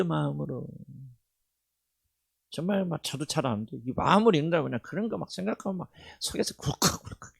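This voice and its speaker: Korean pastor with a gravelly Jeolla accent. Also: male voice, on the high side, dry recording. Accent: Jeolla dialect. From Jeolla, South Korea. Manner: animated, swings between loud bursts and hushed asides. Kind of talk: sermon.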